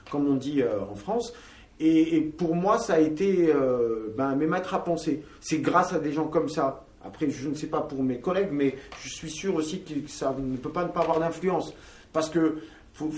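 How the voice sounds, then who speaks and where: Band member from Algeria, male, slightly higher voice, chatty and halting, recorded roomy and off-mic. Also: darkish tone. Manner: talkative, searching for words with many fillers. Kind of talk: interview answers. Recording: roomy, from a distance.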